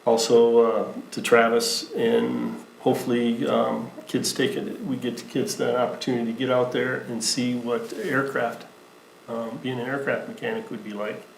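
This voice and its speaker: A man speaking at a school board meeting, halting with many fillers, sometimes moved. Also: medium pitch, flat delivery, gravelly. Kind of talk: meeting remarks. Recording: echoey meeting room, faint noise.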